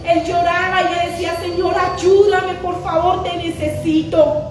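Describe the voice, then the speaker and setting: A woman's voice: extremely high pitch, little pitch movement, unhurried. A woman preacher giving an earnest, repetitive sermon with a sing-song cadence. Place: church. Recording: very echoey church with soft music behind.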